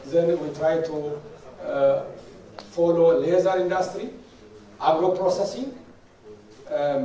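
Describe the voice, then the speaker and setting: A middle-aged man from Ethiopia with an Ethiopian accent, giving a conference presentation in a halting way, full of fillers and restarts. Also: a little high, dark tone. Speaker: government delegate speaker. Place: large conference hall. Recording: echoey hall, distant mic.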